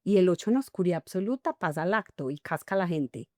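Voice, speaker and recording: Animated paisa-accented woman coach. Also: fairly low pitch, quick pace, dry recording, studio quality. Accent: Colombian, paisa. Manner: animated, acts out little dialogues. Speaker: guest, enneagram coach. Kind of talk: conversational interview.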